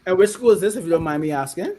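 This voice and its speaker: A man's voice: sits high, expressive, rapid-fire, warm tone, slight background noise. A man hosting an interview, asking long, rambling questions full of restarts. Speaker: podcast host.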